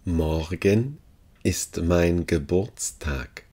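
A male language teacher reads short phrases deliberately, repeating each one so learners can follow. His voice is low-pitched, mellow and husky.

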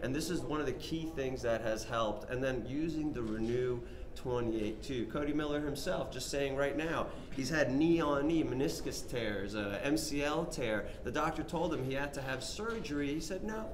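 A man in his forties, a health practitioner, gives an animated answer and counts off his points. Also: on the high side, normal speed, few pauses. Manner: animated storytelling, lists points. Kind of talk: conversational interview answer. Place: large indoor convention room. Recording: echoey room with background noise.

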